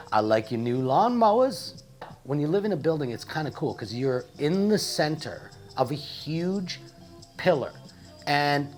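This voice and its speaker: A young man telling a comic story in a playful, mock-dramatic way. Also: medium pitch. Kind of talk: comedic storytelling monologue.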